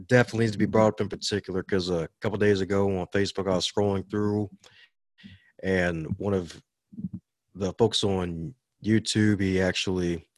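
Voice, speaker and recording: A man's voice: low voice, fairly even intonation, moderate pace, no room sound. A man from Baltimore, a podcast guest talking in a casual interview in an upbeat way. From Baltimore, USA. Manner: upbeat, laughs often.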